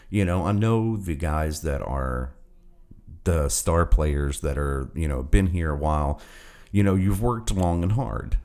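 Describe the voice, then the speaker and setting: A man hosting a casual opinion show, talking in a halting but emphatic way with a noticeable hallway-like room echo. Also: low-pitched, a little mellow. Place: temporary indoor room while travelling. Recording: echoey room.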